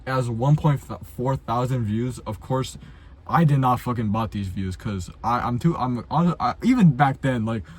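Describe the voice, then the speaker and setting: A young adult amateur filmmaker hosts a video, chatting casually and unscripted in a blunt, self-deprecating style packed with slang and swearing. He speaks at medium pitch and a moderate pace.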